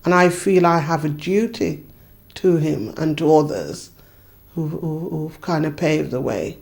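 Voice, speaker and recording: A woman's voice: sits low, gravelly, warm tone. A woman in her fifties, a community activist, thoughtfully recalling the past in an interview, with earnest restarts and many "you know"s. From Jamaica. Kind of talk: reflective interview recollection.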